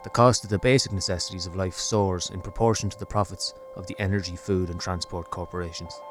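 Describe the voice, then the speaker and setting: A man narrating a scripted documentary podcast in a measured, serious way. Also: sits low, fairly even intonation. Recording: music behind the narration. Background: music.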